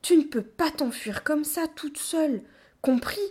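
A woman's voice: medium pitch, lively intonation, normal speed, natural voice. A woman voicing a female gorilla guardian who scolds firmly but cares underneath. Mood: scolding. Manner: scolding, then awkward and gentle.

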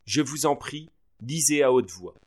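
A man's voice: animated, unhurried. Man doing a pompous, thundering school director. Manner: pompous, booming.

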